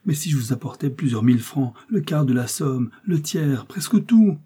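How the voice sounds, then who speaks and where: A man's voice: mid-range voice, animated, moderate pace, mellow, slightly rough. A man reading a novel aloud, voicing a desperate young woman who pleads over her debts. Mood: pleading. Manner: pleading, frantic.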